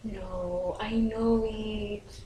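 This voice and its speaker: A young Kenyan woman co-hosting a casual quiz chat, animated and unsure, switching between English and Swahili. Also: medium pitch, extremely slow. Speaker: co-host. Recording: roomy studio with faint noise.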